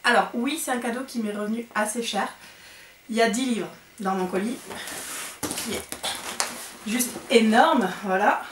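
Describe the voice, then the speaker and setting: A young woman chatting excitedly through an unboxing vlog, with lots of fillers. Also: a little high, a little fast, echoey room, distant mic, noisy background. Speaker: book vlogger.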